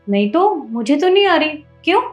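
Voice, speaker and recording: A woman's voice: sits high, sing-song, normal speed, faint music behind. An actor playing a wife caught hiding her lover, defensive and dismissive, in melodramatic short-film style. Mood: evasive.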